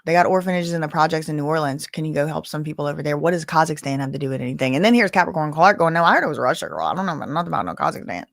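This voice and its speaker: Speaking in a deep, creaky voice, she races along animatedly with few pauses, and the studio-quality audio has no echo. As host of a casual livestream, she recaps a trial's testimony in a chatty way, reading chat and letting out gasps and exclamations.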